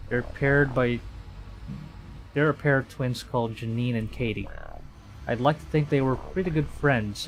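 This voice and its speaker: A Filipino man streams a game, reading its narration aloud in a dramatic storytelling way and reacting as he goes; his mid-range voice comes through a rough recording.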